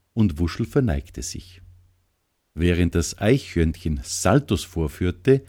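A man narrates a children's storybook calmly and gently. His voice is deep and mellow, and he reads at an unhurried pace. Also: husky.

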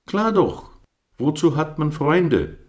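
A man's voice: a little high, wildly swooping pitch, slow, a little mellow, pitched above the performer's own voice, exaggerated voice. Storybook part: large clumsy male sheep, mutters and grumbles, played by a male reader. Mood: lively.

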